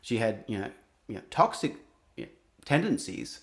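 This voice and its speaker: A young adult Australian man, a singer-songwriter appearing as a guest, speaks reflectively in an interview. His mid-range voice has a sing-song quality, and he comes across as earnest and halting, often restarting sentences.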